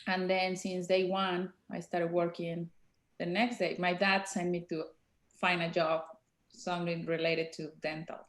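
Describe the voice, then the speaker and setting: Soft-spoken Mexican woman in an echoey room. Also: lowish voice. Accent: Mexican Spanish. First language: Spanish. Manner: soft-spoken, halting, with many fillers. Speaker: guest dentist. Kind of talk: interview.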